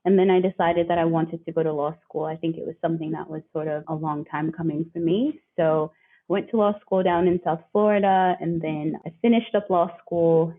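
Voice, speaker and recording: This career coach from the northeastern US has a low, steady voice and speaks a little fast. Appearing as a guest on a conversational interview podcast, she's chatty and reflective, laughing lightly, while her audio comes through a tinny, phone-like remote line.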